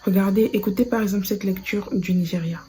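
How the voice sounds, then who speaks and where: A woman from Africa with a Cameroonian French accent, talking casually to camera in a commentary video and sometimes slipping into soft whispered asides. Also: mid-range voice, steady tone, fast, crowd noise, low-quality recording. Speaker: video creator commenting on Quran reciters.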